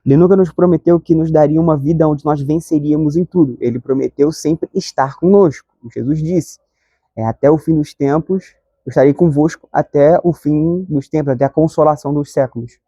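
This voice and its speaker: A man's voice: a little high, a little fast, warm tone, breathy edge, no echo, dull audio. A man, giving an earnest, conversational devotional reflection and often asking "sabe?". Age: 20s. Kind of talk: reflective devotional talk to camera.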